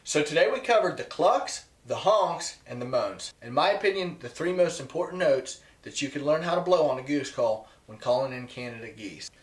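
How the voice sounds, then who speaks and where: In a roomy, echoing recording, a presenter teaches goose calling to his viewers, driving points home with emphasis and repetition. His voice sits a little high, with lively intonation and a moderate pace that leaves hardly any pauses.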